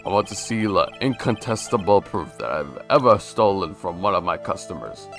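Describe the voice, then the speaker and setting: A man's voice: deep voice, big pitch swings, moderate pace, gravelly, soft background music, full character voice. A man voicing a flamboyant, theatrical male French chef in a mock French accent, gushing and dramatic, dropping French words.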